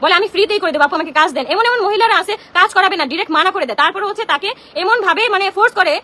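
A woman's voice: very high voice, bright, forceful tone. A young woman from Bangladesh ranting on a home live stream, agitated and confrontational as she addresses her critics directly. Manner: agitated, indignant, rapid-fire and confrontational. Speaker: social media content creator. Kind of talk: heated live-stream rant.

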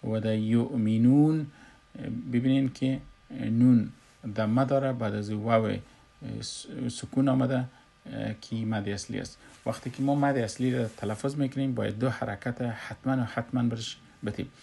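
A man with an Afghan Dari accent teaches Quran recitation in a recorded lesson, explaining slowly and pausing often with "uh". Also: mid-range voice, fairly even intonation, gravelly, warm tone, slightly rough. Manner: slow, explanatory, with frequent "uh" pauses.

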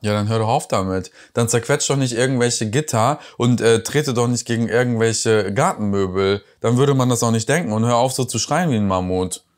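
A man's voice: mid-range voice, fairly quick, hardly any pauses. A man hosting a reaction video, commenting on a reality show with sarcastic, mocking remarks.

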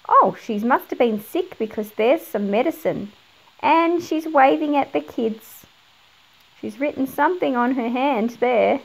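Narrating a children's picture book, a middle-aged woman with a high, gravelly voice explains things and poses questions to her young audience. The recording is low quality.

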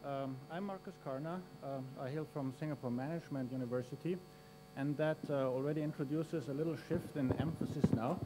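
Middle-aged man from Austria, conference host at a podium, hesitant with many fillers, mellow voice. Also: a little high, a little fast, slight background noise, poor audio. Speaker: conference host introducing a speaker. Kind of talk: formal introduction. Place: university lecture hall. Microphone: podium mic.

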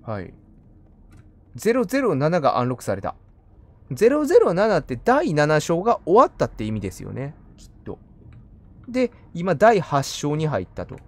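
A man commenting on a horror game as he plays, muttering quietly and breaking into loud startled outbursts. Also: medium pitch. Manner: muttering to himself, then loud startled outbursts and apologies to monsters.

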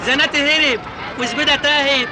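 An actor playing a mocking villager who taunts with laughter, speaking with an Egyptian accent in an old film. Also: male voice, extremely high pitch, fairly even intonation, brisk. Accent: Egyptian Arabic. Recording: noisy old film with loud crowd.

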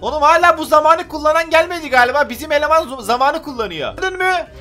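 A young-sounding man with a high, bright voice rattles off lively gameplay commentary, full of excitable teasing and trash talk. He speaks from a desk setup indoors, with faint music running underneath. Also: fast. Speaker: gaming YouTuber. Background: faint background music.

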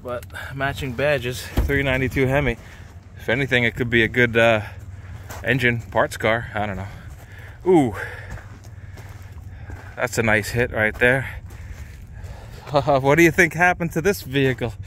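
A man in his thirties vlogging casually while walking through an outdoor car lot, excited and chatty, filmed on a handheld camera at arm's length. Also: medium pitch, normal speed, slight background noise. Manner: excited, chatty, laughs often. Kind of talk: casual vlog walkthrough. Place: outdoor impound parking lot.

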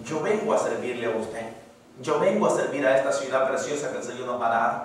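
A man preaching a sermon as pastor, calling out to the congregation, swinging from loud exclamations to hushed asides. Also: mid-range voice, a little fast. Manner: call-and-response preaching. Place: church hall. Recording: very echoey hall, from far off.

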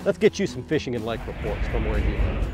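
A fishing show host talking excitedly out on a lake while he reels in and releases bass. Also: fast talker, over music. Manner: excitable, exclaiming while fighting fish. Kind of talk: excited on-the-water commentary. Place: bass boat on a lake, outdoors.

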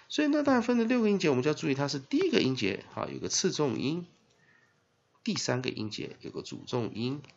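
A man teaching English spelling and phonics in Mandarin with a Taiwanese accent, spelling words out letter by letter and filling pauses with drawn-out "ah" sounds. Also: mid-range voice, creaky. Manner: spells words letter by letter, heavy fillers, lively emphasis. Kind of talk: classroom-style phonics lesson. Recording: dull lo-fi recording.

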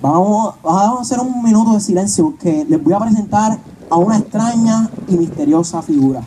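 Man as stage-play party host addressing parents, mellow, fairly high voice, noisy amateur recording. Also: animated, brisk. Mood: formal, building suspense. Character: male party master of ceremonies addressing parents.

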